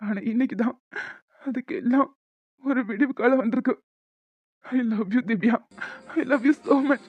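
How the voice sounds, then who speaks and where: A woman's voice: a little high, unhurried, dry recording. A woman voicing a caring, protective young husband in a cartoon story, tender and earnest. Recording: dull lo-fi audio with faint music.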